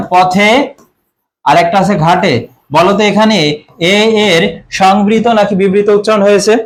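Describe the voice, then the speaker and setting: A young man teaching an online exam-prep grammar class, often quizzing his students and clearing his throat. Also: high-pitched. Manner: quizzing students with repeated questions. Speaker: admission coaching teacher.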